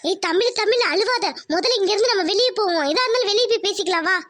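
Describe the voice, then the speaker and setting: A bold young village woman in a cartoon, bossy and protective toward her friend, as a woman voices her. Her voice is pitched up to a squeaky height and sounds bright and sharp. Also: quick pace, no room sound. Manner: bossy, reassuring, rustic Tamil speech.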